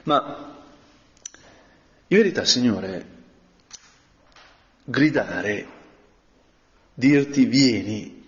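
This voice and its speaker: A man giving a reflective spoken meditation as a preacher, talking slowly and thoughtfully with frequent pauses. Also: mid-range voice, lively intonation, a bit bright. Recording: dull, reverberant audio.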